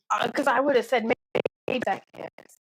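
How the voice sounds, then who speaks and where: Vlog host, woman, giggly and chatty, slightly high voice, dry close recording. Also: fairly even intonation, slow, fairly bright tone, breathy edge, no echo, rough recording. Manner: giggly, chatty, laughs often. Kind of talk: casual chat. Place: at home.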